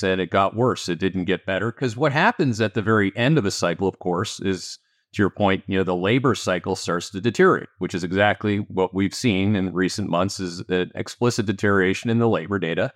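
Answering an interviewer, this investment firm founder with a Canadian accent is animated and emphatic, with occasional sarcastic asides. His low-pitched voice moves at a brisk pace in a dry, studio-quality recording.

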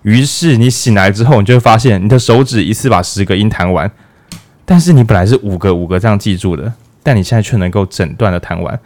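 A man talks through ideas as a podcast host, his voice sitting a little low. He keeps it casual and playful, tossing in jokes and quick acted-out asides. His pitch lifts sharply whenever he poses a question. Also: a little mellow. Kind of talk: casual explanatory podcast talk.

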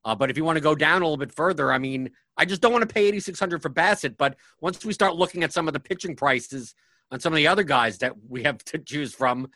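A man's voice: a little high, quick pace, sharp tone, no echo. A man co-hosting a sports podcast, giving casual, conversational analysis. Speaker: fantasy sports podcast co-host.

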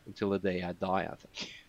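A man's voice: low voice, little pitch movement, unhurried, muffled recording. A man chatting as a podcast guest, telling long rambling stories with many fillers. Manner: rambling storytelling with frequent fillers. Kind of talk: casual podcast chat.

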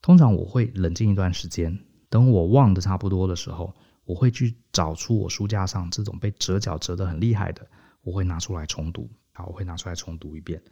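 A man's voice: sits low, fairly quick, creaky, mellow. A man, co-hosting a podcast, explaining his methods step by step in a casual way, often tagging sentences with little checks like "hao". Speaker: podcast co-host. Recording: dull lo-fi podcast audio.

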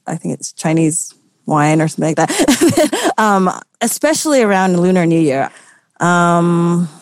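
Young woman chatting away in an interview, kinda low voice, lots of "like", dry close mic. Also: darkish tone, no room sound. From United States. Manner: chatty, lots of "like" and "you know", light laughs. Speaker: journalist guest. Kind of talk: casual interview answers.

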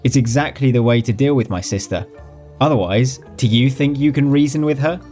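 A man's voice: mid-range voice, a little fast, a little mellow, faint music behind, voice pushed up, natural voice. A man voicing a brash, teasing young nobleman in a storybook reading. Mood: eager.

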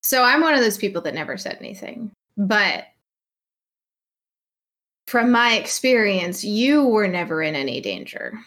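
Slow, measured woman. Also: mid-range voice, lively intonation, fairly bright tone. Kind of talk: candid conversation.

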